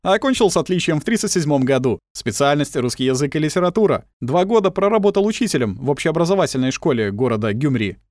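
Мужчина-чтец озвучивает весёлого хитрого разведчика, который шутя коверкает речь. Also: male voice, a little high, animated, quick pace, hardly any pauses, a little mellow, dry recording, studio quality, pitched above the performer's own voice, close to an everyday voice. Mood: reporting. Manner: playful, exaggerated. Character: joking Armenian scout, mock accent, sly.

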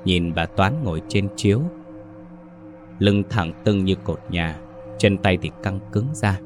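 A man narrating a ghost story in a steady, measured storytelling voice. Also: sits low, faint music behind.

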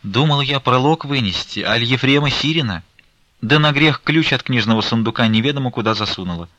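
Man doing a timid old nun, pleading, hushed, lifted pitch, dry close sound. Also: a little fast, no room sound, dull audio, lightly acted. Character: timid elderly nun, meek and frightened.

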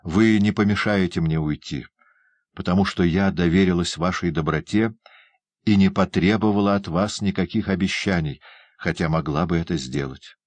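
A man's voice: sits low, normal speed, no room sound. A man reading the part of a young, troubled woman who pleads with passion in an audiobook. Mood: pleading. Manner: emotional, imploring.

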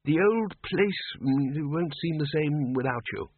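A man's voice: fairly high pitch, lively intonation, measured pace, no room sound, voice pushed up. A man voicing an older male head wizard who hesitates and hems constantly. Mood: hesitant. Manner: hesitant, full of ums. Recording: narrow phone-like sound, dry.

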